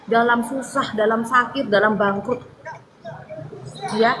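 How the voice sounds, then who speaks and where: A woman from Madura preaches to her live-stream audience in an earnest, pleading way, her voice sitting a little high and sometimes close to tears. She is picked up on a phone, with clear background noise under her. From Madura, Indonesia. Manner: earnest, pleading, tags most phrases with "ya"; emotional, near tears at times. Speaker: evangelist.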